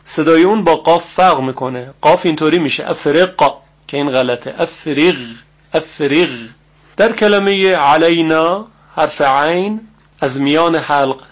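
A middle-aged man with a slightly raised voice gives a religious lesson on recitation. He speaks slowly and deliberately, repeating words carefully so listeners can copy their sounds. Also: fairly high pitch. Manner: slow, deliberate, repeats Arabic words to model pronunciation. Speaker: Quran recitation teacher.

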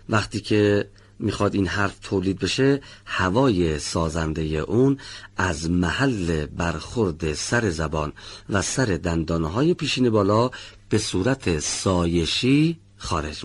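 A man teaching the pronunciation of a letter in a radio lesson, reading model words slowly and drawn out, then correcting learners one by one. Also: low-pitched, breathy edge. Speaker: Quran recitation teacher.

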